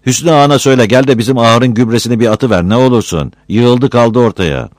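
A sharp-tongued village housewife scolds and fusses in a high, raised voice, as a man puts her on in a storybook reading. She rattles off quick warnings, then softens. The voice sits close to the mic in a dry space. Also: no room sound, natural voice. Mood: motherly.

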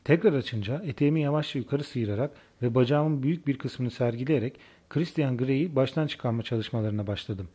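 A male narrator reading a first-person novel aloud for an audiobook. His delivery is calm and even, and his voice is mellow and warm at a middle pitch. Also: brisk, few pauses, slightly rough.

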